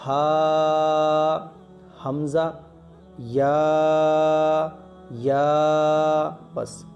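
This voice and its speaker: A man's voice: mid-range voice, dark tone. A man teaching the Arabic letters as a Quran lesson, patiently stretching each letter sound and checking in often with his listeners.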